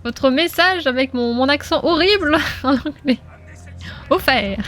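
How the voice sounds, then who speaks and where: A woman's voice: sits high, unhurried, fairly bright tone. A woman streaming a video game, chatting casually and playfully with her viewers and laughing often. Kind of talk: casual live gameplay commentary.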